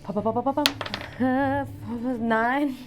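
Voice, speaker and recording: A woman's voice: high voice, slow pace, music in the background. A woman playing a tabletop game, hesitant and full of fillers as she describes her turn. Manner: hesitant, fills with ums and likes. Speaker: player.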